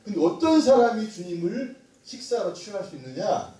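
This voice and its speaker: A middle-aged man, a pastor and missionary, preaching a lively sermon, joking and quizzing the congregation with call-and-response questions. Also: sits high, normal speed. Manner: animated, joking, quizzes the congregation, laughs often. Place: church sanctuary. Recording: echoey room, mic at a distance.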